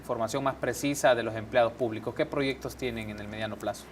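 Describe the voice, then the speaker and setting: A man's voice: mid-range voice, fairly even intonation, fast talker, slight background noise. A male TV host, asking long, winding questions. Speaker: TV interview host. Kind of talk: TV interview questions.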